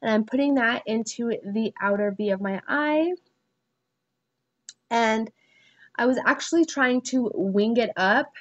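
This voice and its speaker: A woman's voice: a little high, a little slow, long pauses, highs cut off. A woman with a cold, sounding stuffy and nasal, casually talking through a makeup tutorial in a voice-over with many fillers. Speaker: beauty vlogger.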